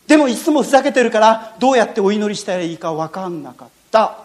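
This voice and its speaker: A woman tells children a Bible-lesson story, speaking to them directly in a lively way packed with sound effects. Her voice is mid-range and her pace quick.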